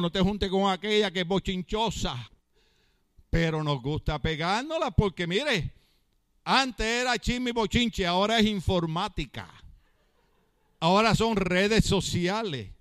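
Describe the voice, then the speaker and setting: A man preaching as pastor in church, asking his congregation questions, joking and shouting out drawn-out words for emphasis. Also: high voice, smooth, no echo. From Latin America. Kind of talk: lively Pentecostal-style sermon.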